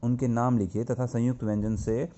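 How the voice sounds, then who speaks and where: A man teaching a grammar lesson to young pupils. He explains slowly and step by step, asking questions and answering them himself. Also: mid-range voice, little pitch movement, dark tone. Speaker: school teacher. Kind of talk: classroom lesson. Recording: dull lo-fi recording.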